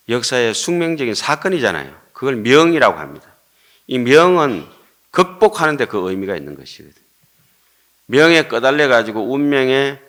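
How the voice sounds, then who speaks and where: A man's voice: fairly low pitch, fairly bright tone, clean tone. An older Buddhist monk with a Gyeongsang Korean accent giving an earnest dharma lecture, posing rhetorical questions and joking with his listeners.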